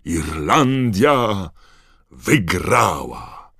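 A deep-voiced man voicing a stunned adult male sports commentator exclaiming the result. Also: very animated, gravelly, fairly bright tone, slightly rough, no room sound, clean studio sound, heavily acted. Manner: exclaiming, slow.

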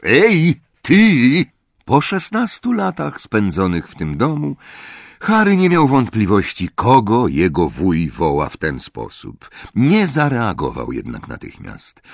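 A man narrating an audiobook in expressive, scripted storytelling. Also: low voice, vocal fry, breathy edge, no echo, studio quality.

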